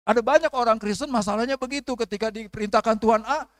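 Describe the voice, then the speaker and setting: Pendeta pria bersuara tinggi, kering. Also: male voice, extremely high pitch, fast, no echo, studio quality. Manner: preaching with call-and-response questions and acted prayers. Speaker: pastor. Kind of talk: sermon. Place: church service.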